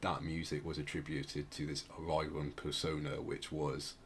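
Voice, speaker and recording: In a casual podcast chat, this co-host works through a musician's story with hesitant explanations, frequently going back to reword things. His bass voice is delivered flatly at normal speed, and there's slight background noise.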